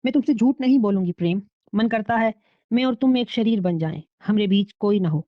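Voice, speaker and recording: A woman voicing a tender, jealous, lovesick female spirit who speaks softly and with longing, in a storybook reading. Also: medium pitch, dry recording, close to an everyday voice. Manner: tender, longing, speaks with Sanskrit-flavoured words. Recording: dull, dry lo-fi recording.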